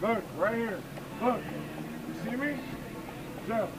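A young man, a drunk and unruly car passenger, swearing and hurling insults as he shouts to a friend. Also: very high voice, takes it slowly. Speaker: rideshare passenger. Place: inside a car on a street at night. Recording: noisy car interior with street noise.

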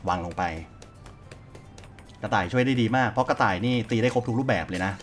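A man's voice: medium pitch, brisk, faint music behind. Chatty man commentating his game. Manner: chatty, thinks aloud while playing. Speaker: gaming YouTuber. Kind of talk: casual let's-play commentary.

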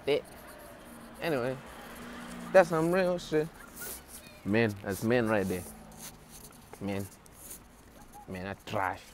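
Speaking slowly with long pauses in a voice on the low side, a young adult vlogger swaggers and jokes about himself in street slang. He records a casual selfie vlog on city streets and in a shop, using a wired earphone mic and a phone held from below, as loud traffic noise surrounds him.

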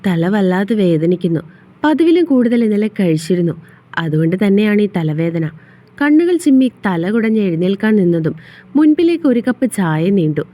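A woman narrating a romance audio series in a steady, even storytelling manner. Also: medium pitch, normal speed.

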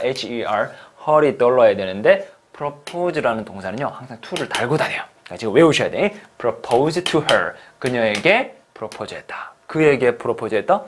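Lively man teaching English. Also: medium pitch, a little hiss or hum. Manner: lively, drills phrases slowly for repetition. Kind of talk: online English lesson.

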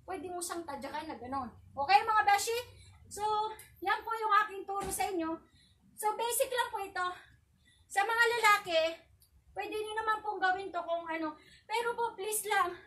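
A woman vlogger teaching a casual self-defense lesson, out of breath, chatty and laughing, with sharp counted shouts. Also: very high-pitched. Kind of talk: casual live tutorial with counted drills. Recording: voice distant from the mic.

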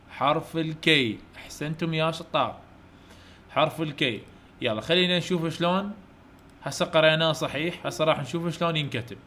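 An Iraqi man teaches young children in an online lesson, his voice sitting a little high for a man. He talks in an encouraging, repetitive way, coaxing the kids to say each letter back and praising them again and again. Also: fairly bright tone. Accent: Iraqi Arabic. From Iraq.

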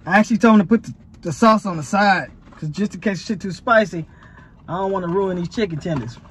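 High-voiced man chatting casually, slangy. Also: fairly quick, husky. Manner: slangy, swearing freely. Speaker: food challenge vlogger. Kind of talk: casual chat to camera. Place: inside a parked pickup truck.

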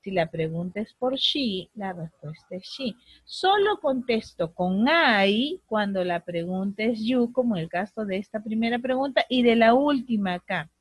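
A woman's voice: medium pitch, animated, a little slow, few pauses, breathy edge, dry recording, low-quality recording. A woman English teacher giving an online class on a video call, explaining patiently and drawing out her examples.

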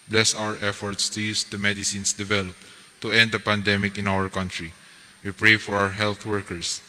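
A man reading prayers and parish announcements at Mass in a measured, steady voice, recorded at a lectern microphone in a large church. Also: lowish voice. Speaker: lector and commentator at Mass. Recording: church hall reverb.

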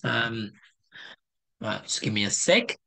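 A man's voice: mid-range voice, very animated, unhurried, gravelly, pushed and bright. A young man from Nepal giving a casual step-by-step screen-share tutorial on a headset mic at home, with many fillers and restarts. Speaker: test prep tutor. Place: indoor home room.

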